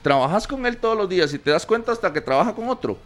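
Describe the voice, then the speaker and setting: Provocative high-voiced man. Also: lively intonation, fast talker, a bit bright, soft background music. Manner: provocative, keeps pressing questions. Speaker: sports talk panelist. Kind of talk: heated sports debate.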